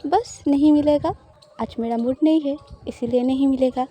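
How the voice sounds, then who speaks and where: A woman's voice: sits high, normal speed, warm tone, close to an everyday voice. A woman voicing a shy, easily flustered young woman in love, reading an audio love story.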